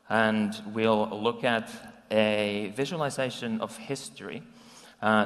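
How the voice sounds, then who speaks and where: A man from Finland speaks to a conference crowd in a low, gravelly voice. He talks conversationally, pausing with ums and restarting his sentences. The live recording carries the long reverb of a large hall. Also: a bit bright. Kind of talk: conference talk with slides.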